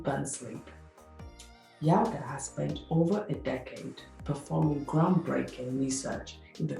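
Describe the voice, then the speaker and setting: A woman's voice: low voice, gravelly, mellow, reverberant. A woman hosting a podcast interview, effusive and enthusiastic, sometimes stumbling over her words. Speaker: podcast host.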